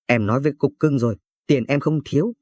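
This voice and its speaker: A man's voice: medium pitch, quick pace, a little mellow, dry recording, studio quality, natural voice. A man voicing a rich, showy woman who coos and boasts. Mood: flirty. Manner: cooing, boastful.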